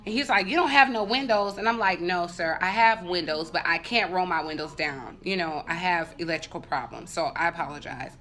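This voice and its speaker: Speaking in a fairly low voice, this female vlogger rattles through a funny, foul-mouthed anecdote for her audience at a brisk clip with few pauses. She stays animated and casual, throwing in asides and performing the dialogue herself.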